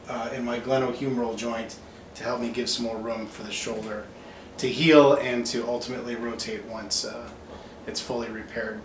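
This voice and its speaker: A man's voice: medium pitch, fairly bright tone. A man speaking as a doctor in a casual explanatory video diary, matter-of-fact and explaining medical terms. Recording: echoey room, distant mic, faint noise.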